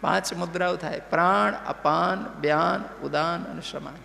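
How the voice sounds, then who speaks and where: A man telling a devotional story as a sermon, animated and checking in with listeners. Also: high voice, a little slow, vocal fry, a little hiss or hum. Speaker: religious storyteller. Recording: live hall reverb, faint music.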